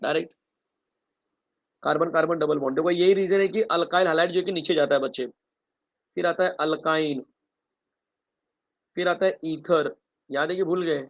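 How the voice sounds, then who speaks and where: A male chemistry teacher gives a lively online revision lecture and keeps addressing his students directly. He throws out questions, answers them himself, and writes on a board as he goes. His voice sits fairly high, and the recording sounds dull and lo-fi. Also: gravelly. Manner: calls students "bachche" and "bhai", explains with a story mnemonic; writes on a board while talking.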